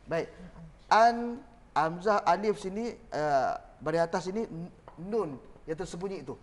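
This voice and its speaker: A man's voice: sits high, lively intonation, measured pace, big-room sound. A man with a Malaysian Malay accent teaching a Quran reading class, counting beats aloud and drilling his students in call and response. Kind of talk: demonstrating a lesson on camera.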